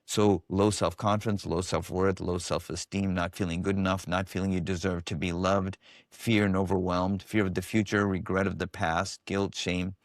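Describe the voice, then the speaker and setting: A man's voice: low voice, flat delivery, normal speed, dry recording, studio quality. A man being interviewed as a guest expert, telling stories with animation and acting out the voices of the people he quotes. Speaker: guest, biofeedback specialist. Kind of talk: casual interview storytelling.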